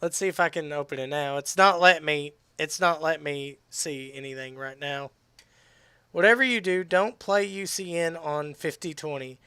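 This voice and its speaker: A man chatting casually on a game live stream, rambling with restarts and fillers, his voice tiring and going hoarse. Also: a little high, moderate pace, sharp tone, no room sound. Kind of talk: casual live-stream chat while gaming.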